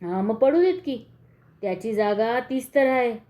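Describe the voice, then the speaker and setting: A woman's voice: a little high, expressive, measured pace, mellow. A woman voicing a sinister older village woman who coaxes and mocks a young bride in a horror story. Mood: coaxing, sinister.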